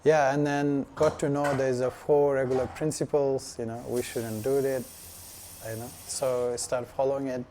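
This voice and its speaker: A man from Nepal, giving a casual personal testimony at a devotional gathering in a relaxed, halting way full of 'you know' fillers. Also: medium pitch, background noise. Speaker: devotee sharing his practice at a gathering.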